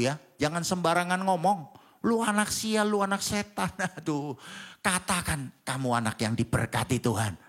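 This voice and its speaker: Pastor preaching with big swings. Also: male voice. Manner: swings between loud exclamations and low asides, chuckles often. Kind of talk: sermon. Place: church hall.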